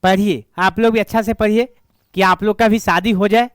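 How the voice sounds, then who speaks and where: Male grammar teacher, smooth and clear, drills by question and answer. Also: sits high, steady tone, moderate pace, no room sound, studio quality. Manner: repetitive, asks and answers his own questions. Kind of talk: classroom grammar lesson.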